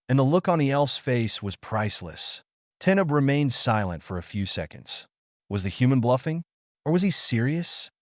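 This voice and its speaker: A man reading fan-fiction narration aloud in a steady storytelling manner. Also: medium pitch, no echo, clean studio sound.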